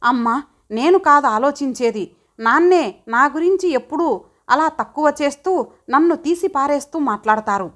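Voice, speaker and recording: A woman's voice: sits high, expressive, moderate pace, fairly bright tone, pitched above the performer's own voice. Woman voicing a sulky, sarcastic teenage boy. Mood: resentful. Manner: sullen, sarcastic talk.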